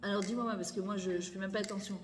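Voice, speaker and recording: Animated woman teaching in an echoey hall. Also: mid-range voice, rapid-fire. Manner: animated, emphatic, repeats phrases, mixes Hebrew words into speech. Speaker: Torah teacher. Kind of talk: spoken lesson to a women's audience. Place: lecture hall. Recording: echoey hall, faint background noise.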